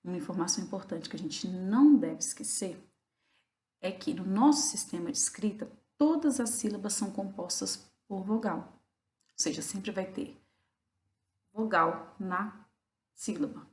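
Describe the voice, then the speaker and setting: A woman teaching a recorded lesson for children, patiently asking and answering her own questions and spelling out syllables slowly. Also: mid-range voice. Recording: roomy echo.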